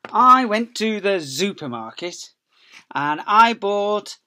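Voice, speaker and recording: A middle-aged schoolteacher's high-sitting voice is animated, slow, bright, and forceful as he reads a picture book aloud to young children, playfully stretching key words and making sound effects. A laptop webcam at close range in a small office picks him up, along with a little hiss or hum.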